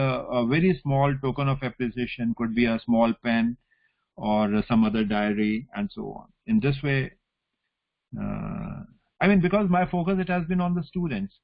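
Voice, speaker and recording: A man's voice: medium pitch, normal speed. A man with a North Indian accent giving an informal, explanatory online lecture, often checking in with "right?" and "you know". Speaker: academic lecturer. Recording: slightly dull online call audio.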